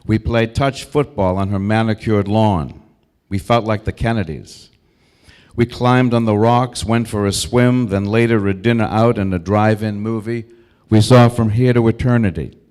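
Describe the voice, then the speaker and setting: Older American man giving a low-voiced eulogy. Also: fairly even intonation, darkish tone, smooth. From Brookline, Massachusetts, United States. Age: 60s. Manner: measured, reflective storytelling in short deliberate phrases. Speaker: eulogist, old school friend of the deceased. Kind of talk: prepared eulogy speech.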